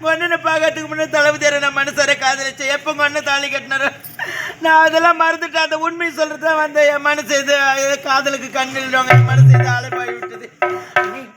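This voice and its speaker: A man's voice: extremely high pitch, fairly quick, bright, forceful tone, soft background music. A man on a village stage playing a proud scheming young princess, first pleading, then taunting. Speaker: stage actor in female role. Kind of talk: village stage drama acting.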